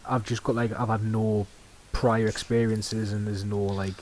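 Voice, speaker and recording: A man's voice: lowish voice, flat delivery, moderate pace, darkish tone. A young man with a Sunderland accent, co-hosting a podcast, making dry, sweary, offhand remarks about ghosts. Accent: Sunderland (Mackem). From Sunderland, England. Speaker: podcast co-host. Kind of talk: casual chat about ghost stories. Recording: faint hiss.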